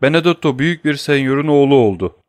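A man's voice: medium pitch, expressive, quick pace, dry recording, voice pushed up, close to an everyday voice. A man voicing a cowardly, scheming thief who whines and pleads in an audiobook reading. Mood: sly. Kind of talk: audiobook character voice.

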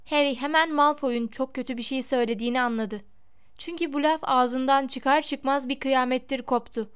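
A woman reads a storybook aloud in a measured, expressive way. Her voice sits high and comes through exceptionally smooth and clear. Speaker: audiobook narrator. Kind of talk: storybook narration.

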